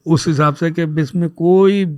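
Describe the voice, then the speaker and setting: A man's voice: fairly high pitch, clear, resonant tone. A man on a podcast telling a personal story in a casual, anecdotal way, dropping English words into his speech and acting out the dialogue as he retells it. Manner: animated, acts out dialogue when retelling.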